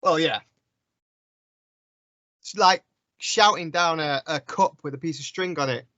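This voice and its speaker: Male co-host, dry and teasing, slightly high voice, casual banter. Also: measured pace, bright, forceful tone, no echo, highs cut off. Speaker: podcast co-host. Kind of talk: casual chat.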